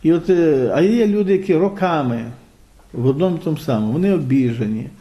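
A man's voice: on the high side, animated, quick pace, muffled recording. A middle-aged man with a Ukrainian accent, preaching a sermon in a conversational way, often tagging his points with rhetorical questions. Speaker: pastor.

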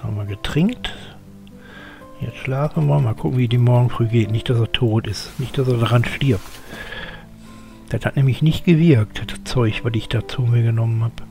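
Older male streamer, mellow voice, chatty muttering let's play commentary, faint game music behind. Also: medium pitch, normal speed, vocal fry. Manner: chatty, muttering to himself and grumbling at his game character.

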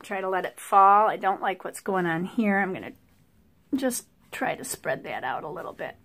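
Middle-aged woman, watercolor artist, casual think-aloud commentary, mid-pitched voice, overhead camera mic at a work table. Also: normal speed. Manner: relaxed, chatty running commentary. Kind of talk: thinking aloud while painting. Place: art table indoors, voice from off camera.

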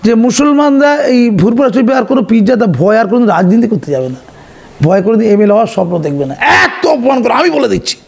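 A man's voice: extremely high pitch, expressive, rapid-fire, gravelly, a little mellow, husky. A man argues heatedly. His commentary is mocking and sarcastic, and he drives each point home by repeating words over and over. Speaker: political commentator. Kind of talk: impassioned political commentary.

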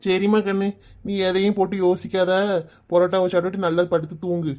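A woman doing a low-voiced cartoon village father, kind and joking. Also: level tone, fairly quick, darkish tone, lightly acted. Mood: comic. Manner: soothing, fatherly advice and comic storytelling. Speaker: father figure. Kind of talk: Tamil cartoon voice acting.

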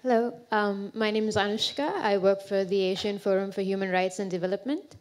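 A woman's voice: mid-range voice, level tone, brisk. A woman from Sri Lanka asking a question from the audience in a lecture hall, hesitant with filler sounds.

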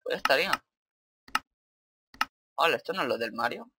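A young man from Spain with a Spanish accent, commentating his Minecraft play in an excitable, swearing, thinking-aloud way. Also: mid-range voice, moderate pace, noisy background. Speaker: gaming YouTuber.

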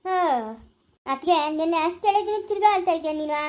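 A performer playing a bossy older village aunt in a rural family drama, scolding in a brisk way with a rural Chikkaballapura Kannada accent. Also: very high-pitched, a little mellow.

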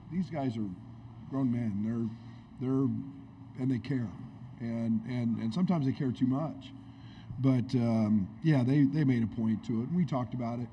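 A middle-aged man, a head basketball coach, answering questions at a postgame press conference in a halting, reflective way, speaking into a table microphone indoors. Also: mid-range voice, muffled recording, slight background noise. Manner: halting, reflective, many restarts. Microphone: table microphone on stand.

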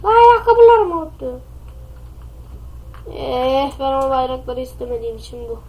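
Woman, nasal, high-pitched, chatty, crude jokes, gameplay commentary. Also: normal speed, dark tone. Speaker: gaming channel host.

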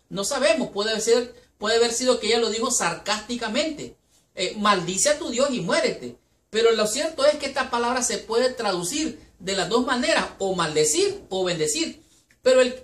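A woman with a slightly high voice teaches a Sabbath school Bible lesson. She speaks in an earnest, unhurried way and reads scripture aloud between her explanations. Her voice rings in a roomy, echoey space. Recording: echoey room.

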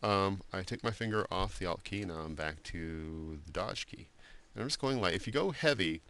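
A man giving a screen-recorded software drawing tutorial, talking loosely with many fillers and restarts. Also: low voice, expressive, moderate pace. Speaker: art instructor.

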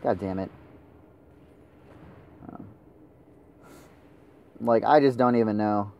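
A man's voice: lowish voice, takes it slowly, creaky, lo-fi sound. A young man commenting over his own gameplay, swearing and ranting at his teammates. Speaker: gaming channel host.

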